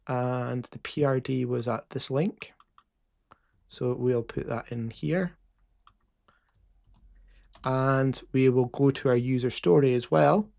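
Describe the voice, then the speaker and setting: A Scottish man talks through a live coding session in a loose, casual way, full of fillers and restarts. His voice has a gravelly, creaky edge at a middling pitch. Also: darkish tone. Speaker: host.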